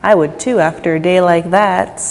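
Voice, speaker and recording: Here a woman with a lowish, steady voice reads a children's story at normal speed, expressive and dropping playful asides for the kids. She volunteers as a storybook reader at storytime. There's long, echoey reverb and some faint music in the background.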